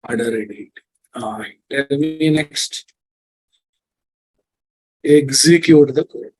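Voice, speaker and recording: A man's voice: mid-range voice, takes it slowly, darkish tone, slightly rough, no echo, rough recording. A man with a Telugu Indian accent teaching a live coding lesson, repeating his phrases and often checking in with his students. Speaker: programming teacher.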